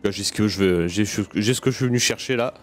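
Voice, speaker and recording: Swearing freely and muttering to himself, a man in a let's play video delivers casual, informal commentary over video game music. He is a gaming video host with a lowish voice who talks fast.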